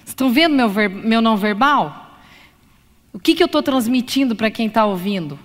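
A woman's voice: a little high, normal speed. A woman psychologist giving a live lecture to an audience, talking expressively and acting out examples. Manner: expressive, acts out examples in voices. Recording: long reverb of a lecture hall.

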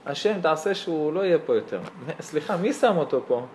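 High, lively male Torah teacher. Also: slight background noise. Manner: lively, asks rhetorical questions, tells stories. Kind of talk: animated religious lesson.

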